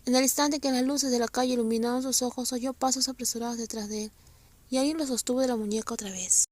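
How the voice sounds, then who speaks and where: Lady reading a novel out loud, high voice, soft and kinda whispery. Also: fairly even intonation, fast talker, no room sound. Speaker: narrator. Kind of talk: reading a romance novel aloud.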